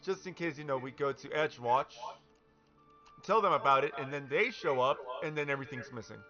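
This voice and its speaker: A man's voice: medium pitch, a little fast, sharp tone. A man playing a tabletop game, thinking aloud as he schemes and reads out rules. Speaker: player. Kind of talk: casual tabletop chat. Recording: dull lo-fi voice chat with faint music.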